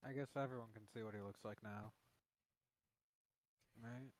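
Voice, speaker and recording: A man playing a tabletop game, making quick, quiet asides and questions to the game master. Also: on the low side, steady tone, dry recording, low-quality recording. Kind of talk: casual play chat.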